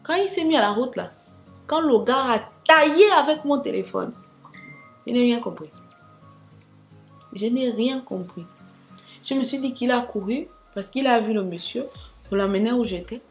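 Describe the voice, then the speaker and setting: A woman's voice: fairly high pitch, a little slow, long pauses, soft background music. A young woman telling a dramatic storytime vlog, talking straight to her viewers with asides. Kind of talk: animated storytime monologue.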